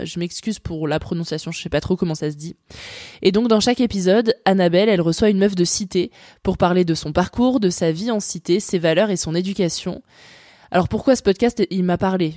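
A woman's voice: medium pitch, mellow, no echo, studio quality. A woman hosting a podcast, reading a friendly, conversational script. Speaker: podcast host.

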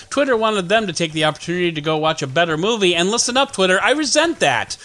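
Guy reading tech news for his podcast, bright, bouncy delivery, dry jokey asides. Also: high-pitched. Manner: wry, joking asides. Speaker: podcast host.

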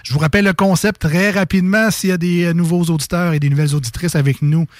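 A man's voice: fairly high pitch, steady tone, fast, no echo, clean studio sound. A man with a Quebec French accent hosting a radio game show, playful and teasing, laughing often in casual banter.

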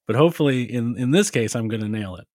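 A man's voice: medium pitch, fast, a little mellow, no room sound, clean studio sound. A man talking casually and self-deprecatingly as a podcast guest, telling his own story.

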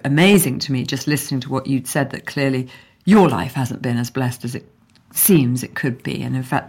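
Middle-aged English woman guest, low voice, thoughtful and sincere. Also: darkish tone. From England. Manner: reflective, earnest, with frequent restarts. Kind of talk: conversational interview over lunch.

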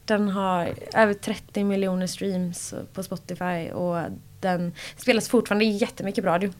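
A young woman from Borås, a pop singer, talks as a guest on a podcast. She tells animated stories in a mid-pitched voice and slips into the voices of the people she quotes. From Borås, Sweden. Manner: animated storyteller who acts out quoted voices and laughs often. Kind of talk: casual interview chat.

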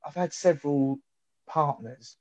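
Man, casual chat, rambling, halting storyteller. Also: fairly high pitch, a little mellow, low-quality recording.

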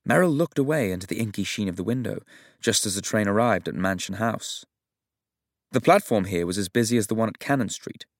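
A man reading a novel aloud as narrator in a measured, even storytelling manner. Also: lowish voice, no room sound, clean studio sound. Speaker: audiobook narrator. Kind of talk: scripted narration.

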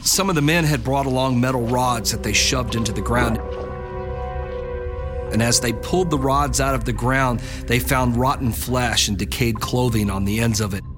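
A man of average pitch tells dark history as a documentary commentator. His storytelling is dramatic, and music plays clearly behind him. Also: normal speed.

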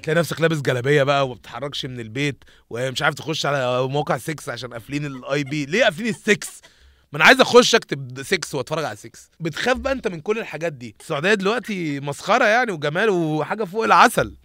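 A man's voice: fairly high pitch, expressive, very fast, pushed and bright, no echo, clean studio sound. A young man with an Egyptian Arabic accent delivering a casual comic monologue as a show host, rambling, sarcastic, slangy and profane.

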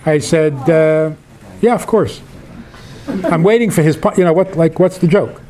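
A man, a rabbi, telling a lively story with quoted dialogue and chuckles. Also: a little high, brisk, slight background noise. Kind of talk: storytelling in conversation.

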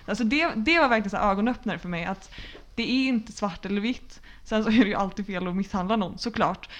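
Woman on a podcast, earnest and reflective, lots of fillers, mid pitch. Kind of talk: casual podcast conversation.

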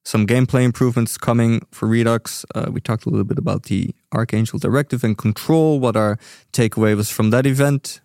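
A man's voice: mid-range voice, steady tone, fairly quick, creaky, a little mellow, no echo, clean studio sound. A man hosting a casual podcast, steering the conversation in an easygoing way. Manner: easygoing, moderating the chat. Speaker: podcast host, community manager.

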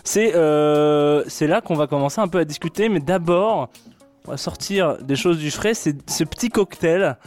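Male co-host, fairly high voice, relaxed banter, faint music bed. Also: moderate pace. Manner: laughing, loose, chatty. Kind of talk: casual radio chat.

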